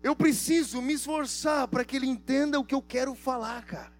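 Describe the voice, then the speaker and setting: A high-pitched male preacher telling a story in a lively, casual way, full of slang. He acts out both sides of the conversation as he goes. Soft music plays underneath. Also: brisk. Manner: animated, slangy storytelling, acting out dialogue. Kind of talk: sermon with storytelling.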